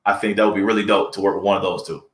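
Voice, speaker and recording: A male comedic actor as an interview guest, talking in a relaxed, chatty way and acting out the people in his stories. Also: sits low, racing. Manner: relaxed storyteller, acts out quoted people. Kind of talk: casual interview chat. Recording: roomy echo.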